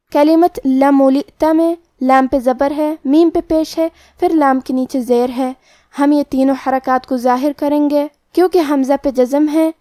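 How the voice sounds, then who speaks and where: A woman's voice: sits high, dark tone, no echo, studio quality. A woman teaching Quran recitation rules in a precise, methodical way, explaining each sound carefully. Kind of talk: step-by-step pronunciation lesson.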